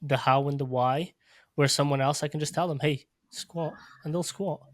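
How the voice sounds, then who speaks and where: A man from Portugal hosting a podcast, speaking in a measured, reflective way and often restarting his phrases. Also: fairly high pitch, no room sound, clean studio sound. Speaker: podcast host. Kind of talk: casual interview conversation. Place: podcast studio.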